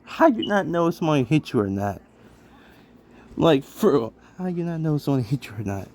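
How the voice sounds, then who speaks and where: A man's voice: a little high, very animated, normal speed, darkish tone. A young man giving casual, incredulous commentary while reacting to a video. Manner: incredulous, chatty asides.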